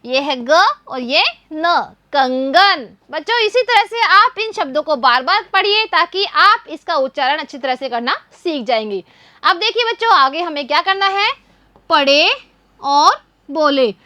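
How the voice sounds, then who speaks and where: A woman's voice: high-pitched, animated, unhurried, pushed and bright, dry recording. A woman teaching a phonics lesson to small children, patiently spelling out each letter and sound before saying the whole word. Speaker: primary school teacher.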